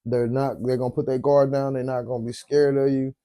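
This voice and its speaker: A tired man with a very dark, mellow voice talks in a laid-back, rambling way, trailing off with ums while he hunts for words. He chats casually, like a late-night host winding down. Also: medium pitch, flat delivery, brisk. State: tired, yawning. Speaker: podcast host.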